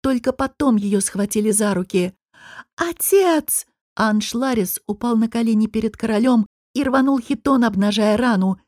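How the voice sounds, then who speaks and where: Woman narrator, slightly high voice, slow measured reading, dry close sound. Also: a little mellow, dry recording. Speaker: audiobook narrator. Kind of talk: scripted narration.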